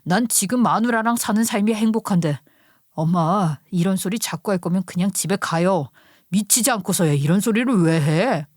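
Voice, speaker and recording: A woman's voice: mid-range voice, normal speed, a little mellow, no echo, clean studio sound, close to an everyday voice. A woman voicing a flustered husband who sounds exasperated and pleading. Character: flustered husband caught between wife and mother.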